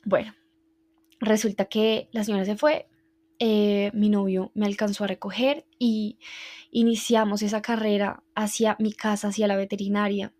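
A woman recounts a personal story as a podcast host. Her delivery is reflective and heartfelt, pausing and restarting often. Her pitch sits mid-range and stays fairly even.

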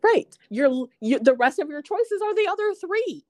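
A young woman on a podcast whose pitch swings widely as she acts out little scenes with dry humor. Her voice sits mid-range and sounds dry and close-miked. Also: sing-song, normal speed, a little mellow, dry recording. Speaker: podcast co-host. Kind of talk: casual podcast chat.

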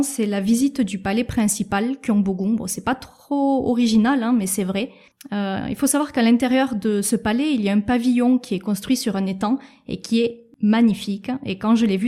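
A woman in her thirties chatting on a podcast she co-hosts. Her voice sits a touch high but sounds mellow and warm. She explains things in a measured way, pausing now and then with small hesitations. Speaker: podcast co-host. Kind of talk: casual podcast chat.

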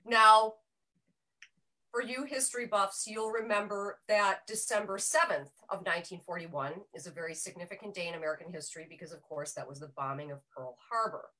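A woman with a bright, forward voice talks casually about an old film to a small group. She explains background at length, often correcting herself mid-sentence. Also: mid-range voice, fairly quick, low-quality recording. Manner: chatty, explanatory, self-correcting. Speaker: panel member presenting a film pick. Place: small room with a group around one mic.

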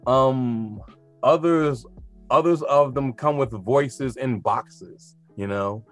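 A man who teaches high school students, talking casually in an interview and reflecting with lively colloquial asides. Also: slow pace, soft background music.

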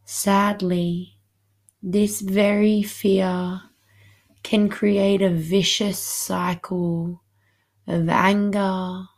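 A woman guiding a hypnosis session, speaking softly and soothingly, at times drifting into a whisper. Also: medium pitch, flat delivery. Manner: slow, soothing, hypnotic delivery.

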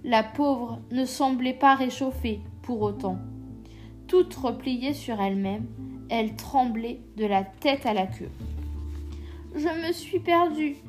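A woman reading a children's story aloud in a gentle, measured way. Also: fairly high pitch. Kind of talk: scripted narration of a children's story. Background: soft instrumental music.

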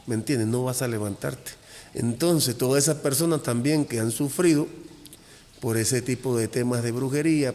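Gravelly-voiced man, animated podcast guest. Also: mid-range voice. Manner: animated storyteller, acts out dialogue, repeats phrases. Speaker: voodoo priest guest. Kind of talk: casual podcast talk. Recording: long echoey reverb.

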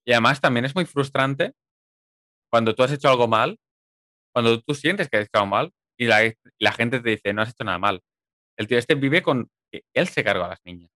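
A man from chatting casually about a film, lively and emphatic, with casual swearing. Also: mid-range voice, brisk, no echo, clean studio sound.

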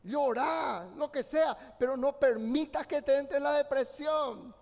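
Very high-voiced fervent pastor. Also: male voice, takes it slowly, a little mellow. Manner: fervent, commanding, calls for congregation responses. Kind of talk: preaching a sermon. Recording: long reverb in a large hall.

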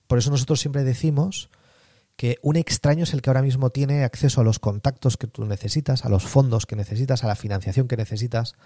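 A sales coach with a Spanish accent from Spain hosts a podcast sales lesson, repeating key points for emphasis and acting out sales calls in quick bursts. His mid-range voice is mellow, captured in a dry, studio-quality recording.

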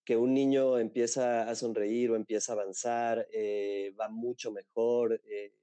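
A man's voice: medium pitch, little pitch movement, unhurried, mellow, no room sound. A man with a Mexican accent interviewing, asking long questions full of fillers and restarts. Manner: hesitant questions with many fillers.

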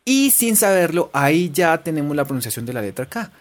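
A woman's voice: low voice, big pitch swings, brisk, slight background noise. A woman teaching English pronunciation in a playful, chatty, encouraging way. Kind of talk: casual online lesson.

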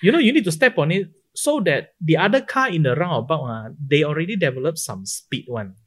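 A man's voice: on the high side, big pitch swings, fairly quick, fairly bright tone, husky. A man with a Singaporean accent in casual, opinionated banter, speaking colloquial Singlish peppered with sentence particles.

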